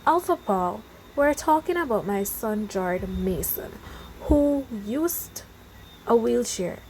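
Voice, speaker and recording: A woman's voice: on the high side, animated, takes it slowly, a little mellow, a little hiss or hum, low-quality recording. Woman reading worried middle-aged dad, sorrowful, pleading, storybook voice.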